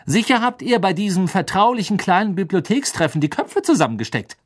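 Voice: mid-range voice, sing-song, a little fast, voice pushed up. Ron, a sneering jealous schoolboy. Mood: jealous taunting. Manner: mocking, heated. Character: teenage boy wizard, jealous and sneering. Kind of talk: audiobook character voice.

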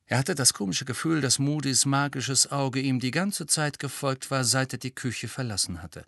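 A man reading a novel aloud as an audiobook narrator, measured and expressive. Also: mid-range voice, gravelly, no echo, studio quality.

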